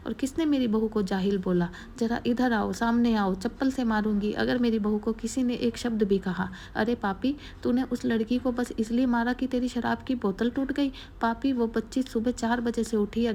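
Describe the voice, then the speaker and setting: Brief: scolding mother-in-law in a storybook, voiced by a woman, a touch high and bossy. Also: a little mellow, slight background noise, natural voice. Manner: nagging, scolding. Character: sharp-tongued scolding older mother-in-law.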